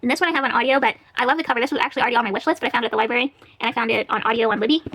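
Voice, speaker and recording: A woman's voice: fairly high pitch, racing, fairly bright tone, a little hiss or hum. A woman chatting casually about books she borrowed from the library, laughing often and reading back-cover blurbs aloud. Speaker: book vlogger. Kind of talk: casual library haul chat.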